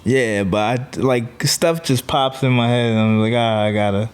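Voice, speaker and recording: Laid-back comedian guy telling stories on a podcast, smooth clear voice, says like a lot. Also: mid-range voice, measured pace. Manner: easygoing storyteller, lots of "like" fillers. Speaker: comedian guest. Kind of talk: casual podcast chat.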